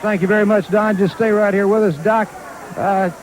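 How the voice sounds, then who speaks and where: Male wrestling broadcast host, high pitch, live desk delivery over arena noise. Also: little pitch movement, moderate pace. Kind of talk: live sports broadcast hosting. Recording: noisy arena crowd behind the voice.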